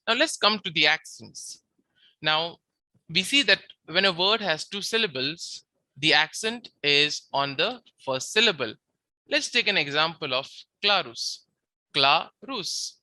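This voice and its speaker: A very bright, sharp-toned teacher delivers a beginner grammar lecture in a methodical, step-by-step way. The voice sits close to the mic in a dry, dead space, and each example word is repeated slowly. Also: medium pitch, dry recording. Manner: habitually says "we see". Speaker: Latin teacher.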